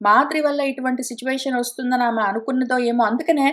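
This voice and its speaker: A woman teaching an ancient epic verse by verse. She chants the Sanskrit lines slowly, then explains each one in an emphatic storytelling manner, with English words mixed into her speech. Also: high-pitched, steady tone, fairly bright tone. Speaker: scripture teacher.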